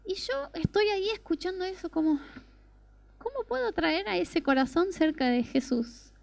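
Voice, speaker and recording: A woman's voice: very high-pitched, expressive, moderate pace, gravelly, darkish tone. A woman preaching a personal testimony sermon, telling the story earnestly and asking rhetorical questions.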